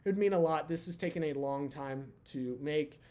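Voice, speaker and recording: A man hosting his own video channel, chatting candidly with lots of fillers, his voice a bit hoarse from talking long. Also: a little high, normal speed, mellow. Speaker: basketball channel host. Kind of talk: casual talk to camera.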